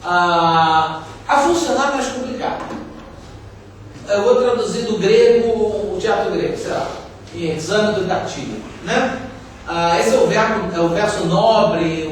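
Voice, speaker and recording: A middle-aged Brazilian man delivers a university lecture in a fairly high voice, explaining step by step and checking in with little tag questions. The recording is distant and very echoey, with a faint hiss behind. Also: unhurried. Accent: Brazilian Portuguese. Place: lecture hall.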